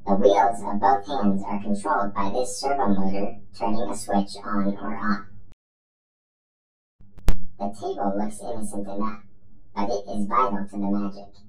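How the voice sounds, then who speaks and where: A man's voice: on the low side, completely flat delivery, moderate pace, lightly acted. A man voicing a cheerful male robot magician who presents tricks with upbeat showman patter. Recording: roomy echo with faint music.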